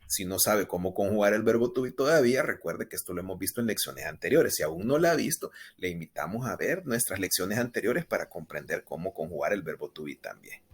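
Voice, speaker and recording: Husky, lively-voiced male language teacher. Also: lowish voice. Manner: slow, drawn-out model phrases for repeating; patient, explains step by step. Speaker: English teacher. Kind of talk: scripted language lesson for beginners.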